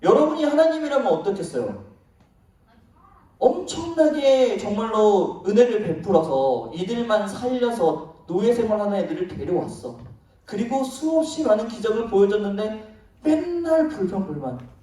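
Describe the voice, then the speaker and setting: A high, animated male pastor tells a children's sermon as a story and keeps asking his young listeners questions. His voice is mellow in tone. He sounds far from the mic in a very roomy, echoing church sanctuary. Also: moderate pace. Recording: very echoey hall, voice from far off.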